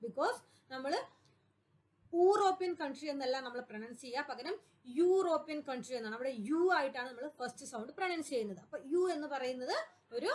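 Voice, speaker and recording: A woman's voice: sits high, quick pace. A woman with a Malayali accent teaching English grammar for an exam class, patiently repeating points and answering her own questions. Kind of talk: explanatory exam-prep lesson.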